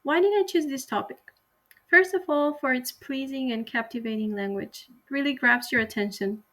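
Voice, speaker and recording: A young woman, a university student, giving an earnest, explanatory class presentation on a poem, with frequent pauses and restarts. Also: sits high, bright, forceful tone.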